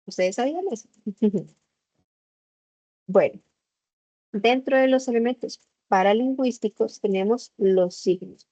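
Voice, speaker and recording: A woman teaching a lesson over a video call, explaining slowly and putting questions to the class. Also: fairly high pitch, mellow, no echo. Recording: slightly dull video call audio.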